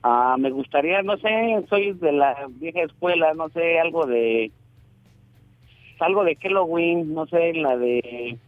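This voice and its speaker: Man on a landline phone, Mexican accent, caller to a radio show, relaxed and hesitant, tinny dry phone sound. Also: a little high, takes it slowly, dry recording. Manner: relaxed, hesitant, searches for words. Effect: heard over a landline phone. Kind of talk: casual chat.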